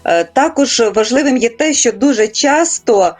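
A woman from Volyn, a guest linguist in a radio interview, explaining in a measured, lecturing way and carefully quoting dialect words. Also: a little high, lively intonation. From Volyn, Ukraine.

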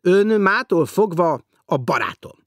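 A man voicing an eager, polite, loud red-haired millionaire in an audiobook. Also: high-pitched, very animated, dry recording, clean studio sound, pitched above the performer's own voice. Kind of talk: audiobook character voice.

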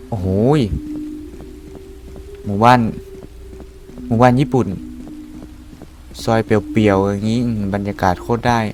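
A man's voice: on the low side, steady tone, measured pace, pauses often, music in the background. A young man casually commenting while playing a horror game, jumpy and exclaiming often. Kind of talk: casual let's-play commentary.

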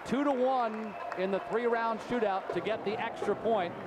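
A man doing live hockey play-by-play in clipped, excitable phrases. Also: high-pitched, normal speed. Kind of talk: live sports play-by-play commentary. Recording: loud arena crowd and rink noise. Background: crowd and arena noise.

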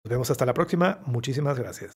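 In a mid-range, expressive voice with a breathy edge, a Mexican-accented man leads an English vocabulary lesson. He models pronunciation by slowly repeating each word.

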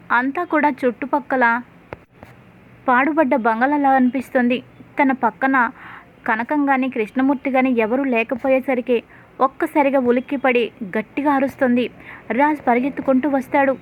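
Woman narrator, high pitch, dramatic serial recap, tinny phone-like sound.

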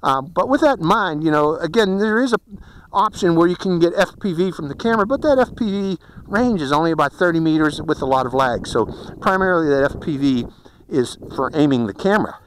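A middle-aged drone reviewer and channel host with a Pittsburgh accent gives a chatty, step-by-step, hands-on product review outdoors in a windy desert canyon. His voice is fairly high, animated, and a little fast. The audio is poor and noisy, captured by a body-worn hat camera like typical outdoor action-camera sound.

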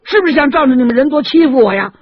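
A man's voice: very high voice, huge pitch swings, normal speed, slightly rough, no echo, pitched above the performer's own voice, full character voice. A man voicing a crafty, quarrelsome male wine peddler who sneers and haggles, on a dull, dry lo-fi recording. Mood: indignant.

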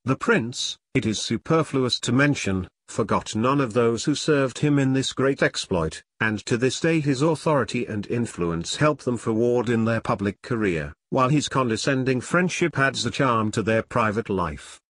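A man narrating a classic story in a measured, even reading style. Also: medium pitch, husky, dry recording. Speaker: audiobook narrator. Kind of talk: scripted narration.

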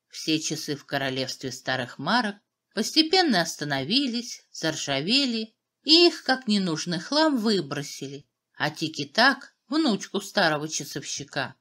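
A woman reads a fairy tale aloud for children, telling it with lively drama. Her bright voice rises and falls widely from line to line. She keeps the story moving with vivid expression. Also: fairly low pitch. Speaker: audiobook narrator.

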